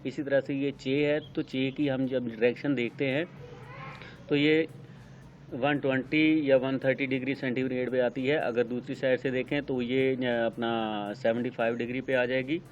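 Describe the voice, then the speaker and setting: Brief: Pakistani male tutor, even monotone delivery, slow step-by-step explanation, dull lo-fi recording. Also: medium pitch. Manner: unhurried, explains step by step with many pauses and fillers. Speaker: shorthand teacher. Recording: dull lo-fi sound with faint noise.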